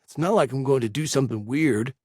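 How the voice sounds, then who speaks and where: A man's voice: mid-range voice, fast talker, darkish tone, no room sound, studio quality, natural voice. An offhand teenage boy, blunt and easygoing, read by a male narrator. His talk is casual and slightly raised, like a kid chatting in the backyard in a storybook reading.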